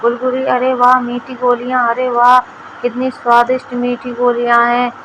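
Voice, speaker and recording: A woman reading a storybook aloud, voicing a lazy, greedy young village wife in a flat, even way. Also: on the high side, moderate pace, background noise, close to an everyday voice. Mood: delighted.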